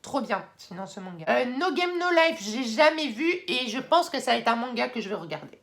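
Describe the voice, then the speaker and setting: Young woman, casual vlog tier list, chatty, fillers, excited bursts. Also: fairly high pitch, brisk. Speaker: YouTuber ranking anime.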